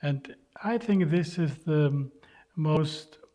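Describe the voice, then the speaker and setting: Speaking very slowly in a mellow, higher voice, an Albanian-speaking man from North Macedonia earnestly works through interview answers, hunting for the right English words. The audio is dull and lo-fi.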